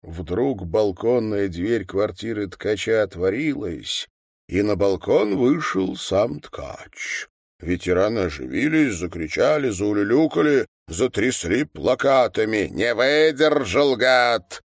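A man narrating a story as an audiobook reader, in a measured storytelling manner. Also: on the low side, expressive, darkish tone, dry recording, studio quality. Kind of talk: audiobook reading.

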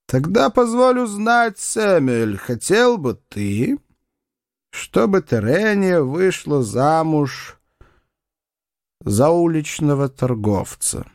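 A man's voice: on the high side, sing-song, no echo, clean studio sound, voice pushed up, full character voice. A man doing a pompous, stern old doctor. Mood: condescending. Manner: pompous, measured.

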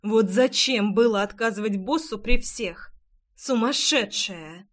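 A woman reading an audiobook voices the heroine's bossy friend, who scolds and teases in slow, drawn-out words. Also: mid-range voice, lightly acted. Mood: scolding. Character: bossy, teasing adult female friend.

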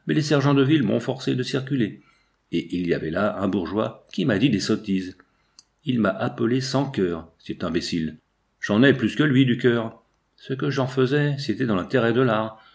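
A man's voice: mid-range voice, gravelly, a little mellow. A man reading a brash young male art student who rambles on without stopping. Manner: rapid, unstoppable rambling.

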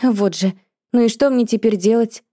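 A woman voicing an impulsive, emotional young woman who speaks up loudly and complains in an audiobook. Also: on the high side, normal speed, dry recording, clean studio sound, voice pushed up, lightly acted. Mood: excitable. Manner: excitable, complaining, raised voice.

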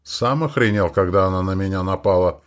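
A man reading a first-person science fiction audiobook with animated storytelling. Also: low voice, fairly quick. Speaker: audiobook reader.

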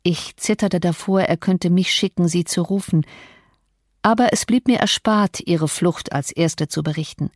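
A woman narrating a classic novel as an audiobook, in measured, even storytelling. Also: fairly low pitch, no echo, clean studio sound. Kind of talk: scripted literary narration.

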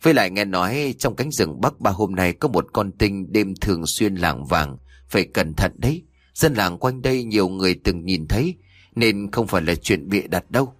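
A man's voice: low-pitched, lively intonation, moderate pace, dry recording, clean studio sound. A man reading the lines of an old village father who scolds and pleads with remorse.

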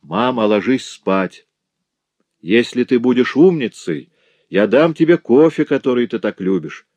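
Brief: man doing a complaining, impatient wife, pitched up, plaintive, dry audiobook sound. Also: lively intonation, normal speed, darkish tone, dry recording. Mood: whiny. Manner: whiny, impatient.

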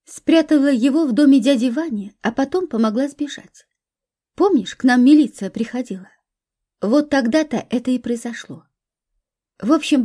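A woman's voice: a little high, warm tone, slightly rough. A woman voicing a caring, protective young woman in a storybook reading, speaking earnestly.

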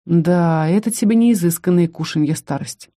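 A woman narrating a first-person audiobook with expressive storytelling. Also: fairly low pitch, brisk.

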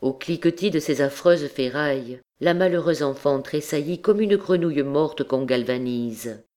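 A woman reading a classic novel aloud as an audiobook, in a measured, solemn way. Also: low-pitched, warm tone. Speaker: audiobook narrator. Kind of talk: scripted literary narration.

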